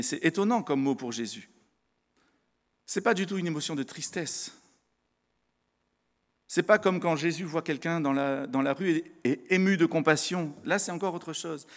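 A man's voice: a little high, big-room sound. A man preaching a sermon, speaking conversationally and directly to his congregation, earnestly stressing his convictions. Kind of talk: sermon with Bible reading.

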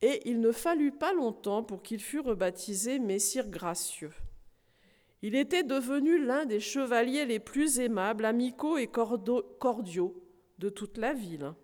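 A woman preaching who reads a storybook aloud slowly and expressively to a congregation in a church hall. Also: fairly high pitch. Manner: slow, expressive reading. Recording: reverberant hall.

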